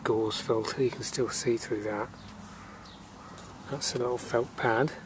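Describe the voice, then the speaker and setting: Outdoors in a yard, a refrigeration technician casually narrates what he's showing, recorded on a camera mic against a noisy background. His medium-pitched voice keeps fairly even intonation at a measured pace as he thinks aloud, matter-of-fact and full of fillers.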